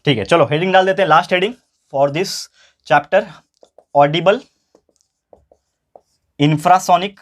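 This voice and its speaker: A man tutoring a school science class, talking to viewers as friends, repeating key points and speaking a little louder than normal to stay clear. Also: fairly high pitch, takes it slowly, long pauses. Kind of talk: online science lesson.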